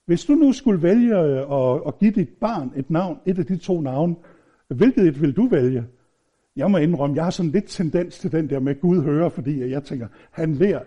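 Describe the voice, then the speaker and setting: Preacher, male, fairly high and very mellow voice, chatty and halting, dull lo-fi recording. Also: lively intonation. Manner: informal, halting, with frequent fillers and restarts; humorous personal anecdotes. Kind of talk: conversational sermon.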